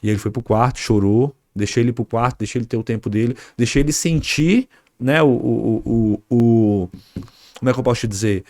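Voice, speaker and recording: A man's voice: mid-range voice, brisk, a little mellow, no echo, clean studio sound. A man with a Brazilian Portuguese accent, a guest on a podcast, telling a family story in a casual way and acting out the dialogue. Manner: anecdotal, acts out dialogue, frequent fillers like "né" and "cara".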